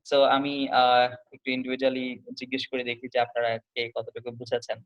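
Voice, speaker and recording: A man's voice: mid-range voice, little pitch movement, normal speed, very noisy. A man teaching an online class. He explains step by step, repeats his key points and puts questions to his students.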